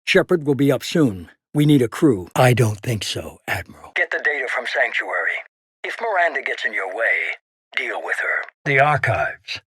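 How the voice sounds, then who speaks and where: A shadowy game mastermind in middle age, with a husky voice that swings widely in pitch. He is cold and calculating, giving orders with deliberate authority. The sound is close and dry. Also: big pitch swings, pushed and bright, dry recording, heavily acted. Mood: cool, authoritative. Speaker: head of a secret organisation. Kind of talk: dramatic video game voice acting.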